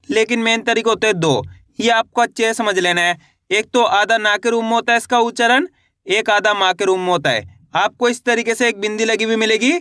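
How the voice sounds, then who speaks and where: A man teaching reading in a video lesson, drilling each sound with repeated questions and slow model words. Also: high-pitched, sharp tone, dry recording, studio quality. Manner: repetitive call-and-response drilling, drawn-out model words. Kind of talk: classroom-style video lesson.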